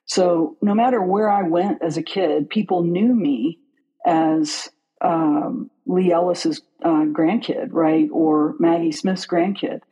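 A middle-aged guest from West Virginia tells their own story in an earnest, unhurried way. The voice is dark and soft, with a husky edge. They slow down to land the points that matter. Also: medium pitch, highs cut off. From West Virginia, USA. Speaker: guest, business leader. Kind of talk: reflective personal storytelling.

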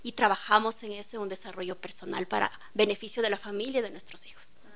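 A woman's voice: medium pitch, steady tone, quick pace, vocal fry, sharp tone. Earnest woman guest expert. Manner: earnest, reflective, frequent affirming murmurs. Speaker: guest expert on feeding children. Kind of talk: casual radio talk.

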